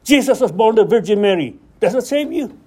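High, mellow-voiced man leading Bible study. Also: lively intonation, brisk, husky. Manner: acts out scripture dialogue with rising questions.

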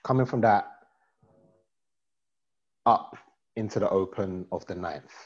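Deep voiced dude hosting a chill podcast, joking around, kinda muffled audio. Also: male voice, takes it slowly, a little mellow. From East London. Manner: joking, laid-back, rambling. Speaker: podcast host. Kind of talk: casual chat about astrology.

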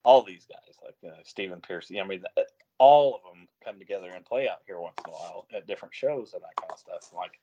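A man's voice: low-pitched, animated, fast talker, dark tone, husky. Rambling man with a muffled, lo-fi sound. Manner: rambling, laughs often, self-deprecating. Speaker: podcast co-host. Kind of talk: casual chat.

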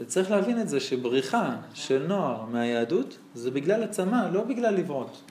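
Animated rabbi, higher-voiced man, roomy echo. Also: slight background noise. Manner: animated storyteller, voice rising and dropping sharply. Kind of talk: sermon with storytelling.

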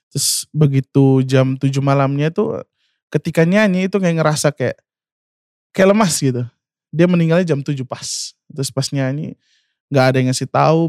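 A man in his twenties, a singer and guest, telling an emotional personal story in a halting way, full of fillers and speaking of himself by name. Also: mid-range voice, a little mellow, no echo, clean studio sound. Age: 20s.

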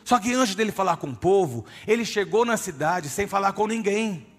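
A man with a high-pitched voice and lively intonation preaches a church sermon at a normal speed. He's emphatic, speaking straight to his listeners and calling them "my dear," and the reverberant hall carries music behind him.

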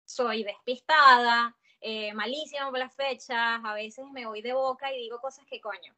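Venezuelan woman guest, young, fairly high voice, chatty and laugh-prone. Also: moderate pace. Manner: lively, laughs often, swears casually. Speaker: podcast guest. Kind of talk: casual podcast chat.

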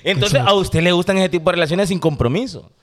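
A man's voice: sits high, fast talker, fairly bright tone. A man hosting a casual podcast, drawing out teasing questions to the group. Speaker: podcast host.

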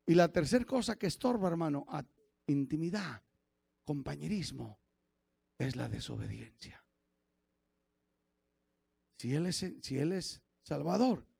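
A man preaching a fiery sermon as pastor, dropping to low murmurs and rising to shouted exhortation, often calling out "hermano". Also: creaky, slightly rough, no room sound. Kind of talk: fiery Pentecostal-style sermon.

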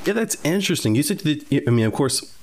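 A man's voice: fairly high pitch, sing-song, fast. A man hosting an interview, asking long, thoughtful, winding questions. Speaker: podcast host.

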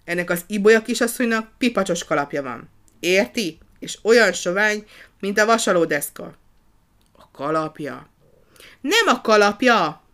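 Narrator putting on a bossy male gardener, worked up and shouting, voice pushed higher and louder than the telling around him. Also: close to an everyday voice. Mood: exasperated. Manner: excited, fussy, often shouting.

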